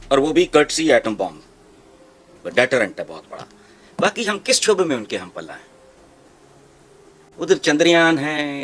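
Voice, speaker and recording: A man's voice: fairly high pitch, a bit bright. A man from Pakistan giving scornful, sarcastic commentary on a TV panel.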